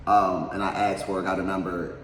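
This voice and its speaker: A man's voice: low-pitched, level tone, fairly quick, fairly bright tone. A man hosting a casual eating show, talking candidly in heavy slang and swearing freely. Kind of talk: casual chat and mukbang. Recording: echoey room with long reverb, faint noise.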